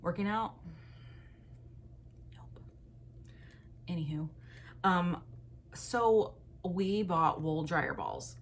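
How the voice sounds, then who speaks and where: A woman's voice: lowish voice, drawn-out words, pauses often. A woman, chatting casually and rambling through money-saving tips in a lifestyle vlog. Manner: chatty, rambling, self-deprecating, fillers like "like". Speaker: lifestyle vlogger.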